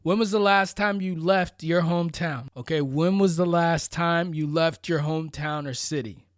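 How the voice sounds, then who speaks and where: This Florida vlogger's voice is fairly high and moves at a normal speed, captured with clean studio sound and no room sound. He delivers a laid-back motivational talk, emphatic and conversational. Rhetorical questions and asides keep popping up as he checks in with his audience.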